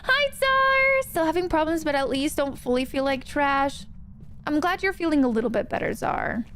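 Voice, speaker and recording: A woman's voice: sits high, a little fast, slight background noise. A young woman streaming a ghost-hunting game, chatting casually and greeting viewers by name. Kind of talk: casual livestream chat while gaming.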